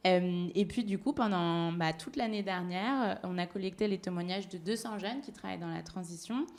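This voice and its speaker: A woman's voice: lowish voice, moderate pace, darkish tone. Young woman telling her story to an audience. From France. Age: 20s. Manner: hesitant, many fillers. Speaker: panel speaker. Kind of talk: live talk to an audience.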